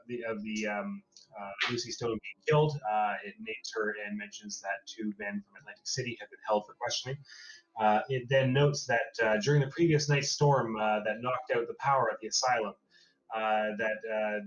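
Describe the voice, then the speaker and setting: A man's voice: lowish voice, lo-fi sound. A man narrating a tabletop horror game as game master, rambling with many fillers.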